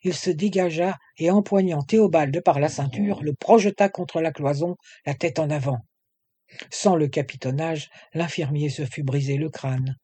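Male audiobook narrator, measured delivery with light character shading, a touch high-pitched, mellow timbre. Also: husky, no echo. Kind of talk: audiobook reading of a French adventure novel.

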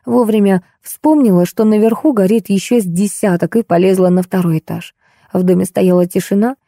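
Женщина с мягким тёплым голосом читает ироничную прозу. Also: female voice, mid-range voice, warm tone, no echo, clean studio sound. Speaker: audiobook reader. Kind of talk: scripted narration.

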